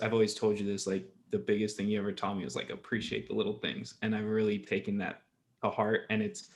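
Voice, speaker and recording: A man in his early twenties talking casually as a podcast host, rambling and correcting himself as he goes. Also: fairly low pitch. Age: 20s. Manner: rambling, self-correcting, laughs easily. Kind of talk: casual chat.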